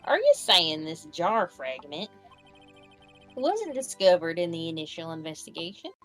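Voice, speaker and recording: A woman's voice: on the low side, sing-song, unhurried, soft background music. A woman voicing an earnest young male defense lawyer in a game playthrough, with dramatic, accusing delivery.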